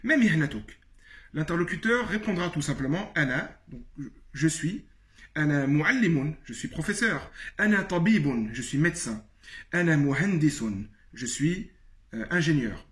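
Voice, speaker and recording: A man giving a spoken language lesson, explaining calmly and repeating each phrase slowly with frequent pauses and hesitations. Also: a little high. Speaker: Arabic teacher.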